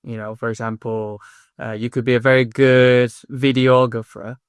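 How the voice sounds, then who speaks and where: A man hosting a podcast interview, talking in halting bursts and repeating words as he thinks. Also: mid-range voice, flat delivery, clear, resonant tone, no room sound. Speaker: podcast host.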